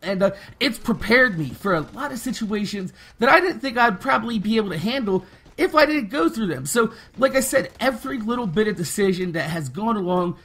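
A man's voice: high voice, animated, fairly quick, a bit bright. A man, talking casually and candidly over gameplay, rambling and swearing freely. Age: 20s. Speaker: gaming YouTuber.

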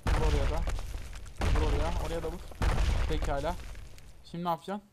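A man's voice: fairly high pitch, level tone, fairly quick. Chatty young man commentating a game. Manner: talks to the game, urging and grumbling. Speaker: gameplay commentator. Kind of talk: casual let's-play commentary. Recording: loud background noise.

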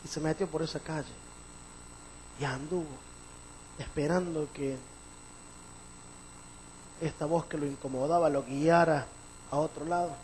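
A man pastor preaching a sermon, telling a story with animated swings and emphatic rises. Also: fairly high pitch, measured pace, long pauses, slight background noise, poor audio.

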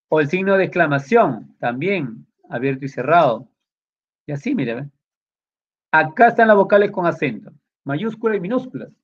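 A man teaching a computer class, walking students through each step and checking in with short questions. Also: on the high side. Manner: explaining step by step, with many tag questions. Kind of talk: classroom lesson. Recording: dull lo-fi sound.

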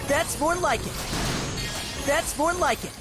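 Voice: sits high, a little slow. Beck, a young robot hero. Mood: determined. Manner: upbeat, determined battle calls. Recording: game audio with loud music.

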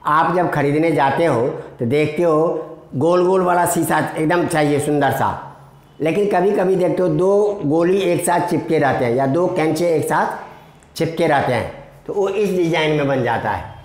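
A male physics teacher giving a video lesson, dictating notes slowly and repeating words, calling his students children. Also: fairly high pitch. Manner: addresses students fondly as children. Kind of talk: classroom lecture in a video lesson. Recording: echoey room.

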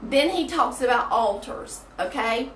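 In a small tiled bathroom, a woman leads a casual livestream Bible study, chatting in a folksy way straight to viewers. Her voice is on the high side, expressive and unhurried, and because she's far from the mic it rings hollow and echoey over a faint hiss.

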